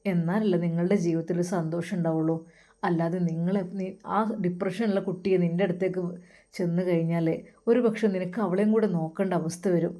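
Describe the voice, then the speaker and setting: Woman voicing a calm, patient older man. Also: lowish voice, natural voice. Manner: calm, measured, gently persuasive. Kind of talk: storytelling with acted dialogue.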